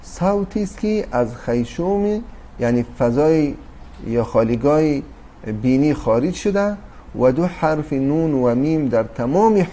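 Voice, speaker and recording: A man's voice: mid-range voice, warm tone, slight background noise. A man teaching a recorded Quran recitation lesson, explaining patiently with fillers and restarts. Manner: addresses listeners as dear brothers and sisters.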